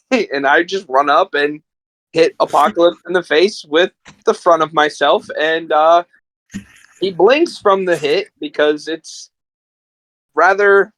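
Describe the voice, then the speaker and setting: A man with a fairly high, fairly bright voice chats casually as a podcast guest, an amateur voice actor who tells rambling, enthusiastic stories. The low-quality recording has no room sound.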